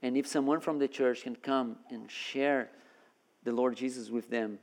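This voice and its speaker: A man's voice: mid-range voice, fairly even intonation, unhurried, a little mellow. A man from Brazil preaching a sermon as a guest, earnest and full of restarts and repeated words. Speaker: guest preacher and seminary worker.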